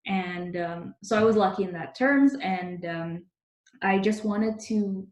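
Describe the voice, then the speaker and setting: A woman's voice: medium pitch, slow, darkish tone, echoey room. A young woman from Indonesia, a business journalist, speaking to the camera about her life in a thoughtful way with many fillers. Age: young adult. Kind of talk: personal reflection to camera. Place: room at home, indoors. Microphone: laptop webcam, close framing.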